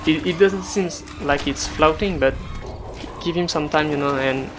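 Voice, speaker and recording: A let's play gamer commenting casually on gameplay, excitable and joking, with yelps and non-native English phrasing. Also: medium pitch, normal speed. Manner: excitable, yelps and laughs, jokey asides. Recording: game music and gunfire under the voice.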